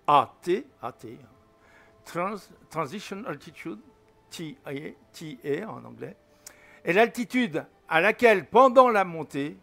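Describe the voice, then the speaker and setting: A man's voice: sits high, fairly bright tone. A man in his seventies giving a casual spoken flight-simulator tutorial, rambling with many fillers and restarts. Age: 70s. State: recovering from fever, slight headache. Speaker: flight sim tutorial host.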